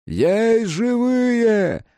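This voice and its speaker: A man voicing a male rescuer who calls out over the ruins in long, drawn-out shouts. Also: very high-pitched, big pitch swings, no room sound, voice pushed up, heavily acted. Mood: calling out.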